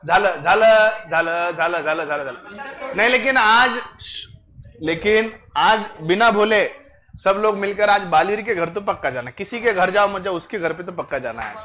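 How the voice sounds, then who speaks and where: A man's voice: high voice, expressive, moderate pace, pushed and bright. A man lecturing a class on finance, joking and bantering with his students. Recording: noisy classroom crowd. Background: students chatting.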